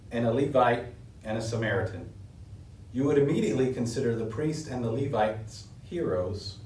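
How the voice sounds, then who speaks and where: A middle-aged male pastor with a warm voice preaches a sermon from a lectern in a small indoor room. He is earnest, and his pitch and force climb whenever he stresses a key point. The recording is distant and echoey, with his voice set well back from the mic.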